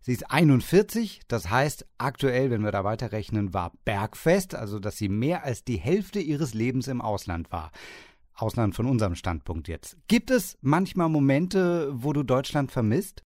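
A man's voice: mid-range voice, big pitch swings, normal speed, a little mellow, dry recording, clean studio sound. A man hosting an interview, asking friendly questions and chatting along with his guest. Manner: friendly, checks in with "ne?" and chats along. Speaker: interviewer, podcast host.

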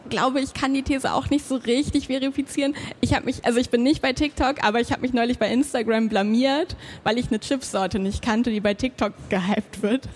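A woman's voice: fairly high pitch, fairly even intonation, brisk, few pauses, a little mellow, slight background noise. A woman in her thirties on a panel podcast, speaking candidly and with self-deprecating humor. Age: 30s. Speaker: podcast guest. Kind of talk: casual panel discussion.

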